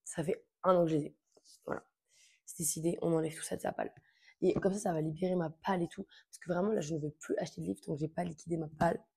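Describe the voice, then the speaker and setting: Chatty young woman, gravelly voice. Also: on the low side, fairly even intonation, fast, darkish tone. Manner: chatty, informal, many fillers and slang. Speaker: book vlogger. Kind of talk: casual chat to camera.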